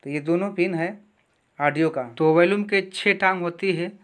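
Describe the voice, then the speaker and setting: A man teaching electronics repair, explaining each wiring step slowly and with a lot of repetition at his workbench. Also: sits high, fairly bright tone. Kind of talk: hands-on repair tutorial.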